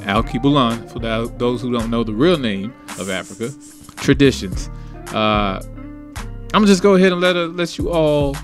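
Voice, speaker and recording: A man's voice: mid-range voice, fairly bright tone. A man hosting a radio talk show in a laid-back, rambling way, with many fillers.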